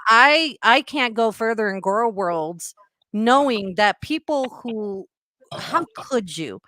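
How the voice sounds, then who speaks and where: A woman's voice: on the high side, animated, slow, sharp tone, no room sound. Upset woman with a Spanish accent, dry close mic. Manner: upset, emphatic, repeating herself. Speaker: podcast co-host. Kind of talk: heated livestream discussion.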